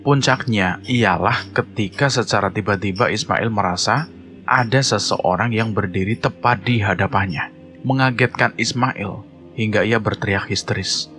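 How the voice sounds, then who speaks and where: Man, lower voice, suspenseful horror narration, measured delivery, music underneath. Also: a bit bright. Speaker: storyteller.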